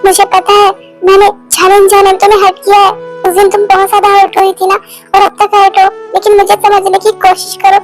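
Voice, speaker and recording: A heartbroken young guy begging his girlfriend not to leave, stammery, super high flat voice. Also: a little fast, over loud music, low-quality recording. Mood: pleading. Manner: pleading, stammering repeats. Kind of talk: Hindi fan dub of a romance story.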